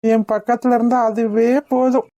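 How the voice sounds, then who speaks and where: A woman voicing a tender, grateful young husband in a cartoon, soft and heartfelt, gently teasing. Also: fairly high pitch, level tone, normal speed, dry recording, close to an everyday voice. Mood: playful. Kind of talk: cartoon voice acting.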